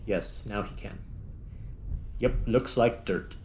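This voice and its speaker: A man with a lowish voice hosts a gaming channel, speaking slowly as he gives casual gameplay commentary and thinks aloud while playing. Background noise is clearly audible.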